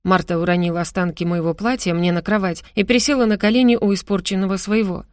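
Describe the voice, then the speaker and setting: A woman's voice: medium pitch, fairly even intonation, fast talker, darkish tone, no echo. Woman narrating a novel, dry close sound. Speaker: audiobook narrator. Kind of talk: first-person novel narration.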